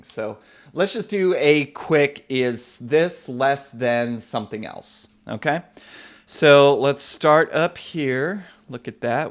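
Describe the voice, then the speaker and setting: A man teaching programming on a live stream, talking casually with many fillers and chatting with viewers as he codes. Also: mid-range voice. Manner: casual, many fillers, reads chat names aloud. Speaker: programming instructor. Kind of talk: live-coding lesson.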